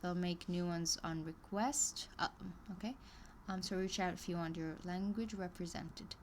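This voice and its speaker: A woman with a fairly low, darkish voice reads an online course aloud at a moderate pace on a live stream, with slight background noise. She's hesitant, using many ums and restarts, and drifts into chatty asides and small laughs as she casually comments.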